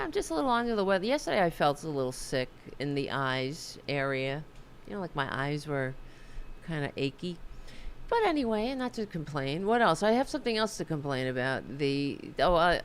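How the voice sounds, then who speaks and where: Over slight background noise, this low-voiced woman hosts a political talk livestream from home. Feeling under the weather, her voice fading, she rambles and chats, pokes fun at herself, swears and corrects herself.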